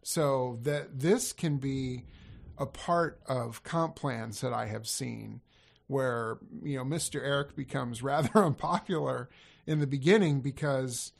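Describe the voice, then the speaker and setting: A man's voice: medium pitch, unhurried, gravelly. A man talking casually on a podcast as a sales coach, rambling and correcting himself as he goes. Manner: rambling, self-correcting, laughs easily.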